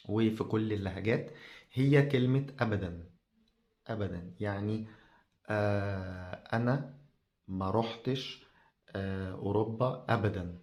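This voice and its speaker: A man with an Egyptian accent explains words for a language podcast. His voice sits low and has a gravelly, creaky edge. He talks slowly and haltingly, stretching out fillers between phrases. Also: darkish tone. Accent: Egyptian Arabic. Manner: slow and halting, many drawn-out fillers. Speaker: Arabic teacher.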